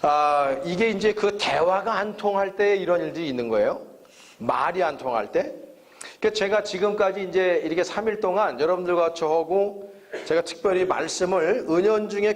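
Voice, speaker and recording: A man preaching as guest pastor at a church revival service, joking with the congregation and asking them questions. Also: a little high. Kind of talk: revival sermon. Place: church sanctuary.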